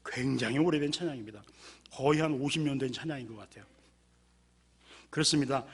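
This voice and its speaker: Husky-voiced Korean pastor preaching. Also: male voice, fairly high pitch. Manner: acts out characters' cries in a raised voice. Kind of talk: sermon with illustrative stories. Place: church sanctuary.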